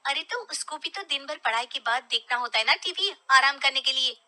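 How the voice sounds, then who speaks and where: A woman voicing a sharp-tongued wife and mother who scolds firmly. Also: high-pitched, animated, moderate pace, voice pushed up, full character voice. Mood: scolding. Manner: scolding, firm.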